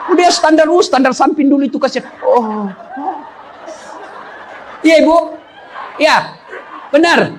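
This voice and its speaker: Man, middle-aged, very high voice, humorous sermon, calls out to the audience, faint background hum. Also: a little slow, pauses often. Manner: joking, animated, calls out to the audience. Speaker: Islamic preacher.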